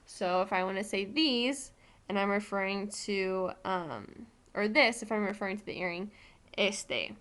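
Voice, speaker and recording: A woman's voice: medium pitch, lively intonation, a little slow, fairly bright tone. An American woman Spanish teacher giving a recorded classroom lesson, explaining patiently step by step with frequent ums.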